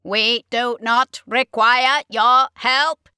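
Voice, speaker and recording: Woman doing screechy high alien war machines, slow barked orders, harsh and cold, audiobook. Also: steady tone, bright, forceful tone, clean tone, dry recording, clean studio sound, heavily acted. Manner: slow, barked, clipped commands. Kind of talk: audiobook character voice.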